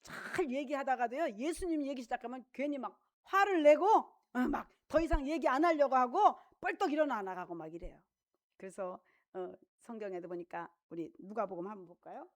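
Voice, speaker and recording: A woman's voice: sits high, brisk. A woman pastor preaching a sermon in an emphatic, conversational way, with frequent rhetorical questions and casual asides.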